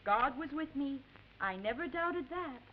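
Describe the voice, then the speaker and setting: A sugary high-voiced woman reporter. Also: expressive, a little slow. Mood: sentimental. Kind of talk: 1950s television drama. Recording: dull lo-fi 1950s TV audio with faint hiss.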